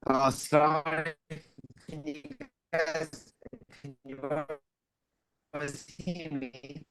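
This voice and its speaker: A man's voice: fairly high pitch, fairly even intonation, drawn-out words, a bit bright. A man joining a webinar by video call, asking a question in a hesitant, apologetic way while his connection keeps breaking up. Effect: choppy, breaking-up call connection. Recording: distant, broken-up online call audio.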